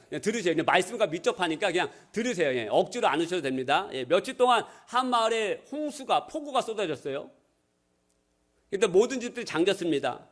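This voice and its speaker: High-voiced male pastor preaching. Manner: playful, acts out voices in anecdotes. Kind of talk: sermon. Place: church sanctuary.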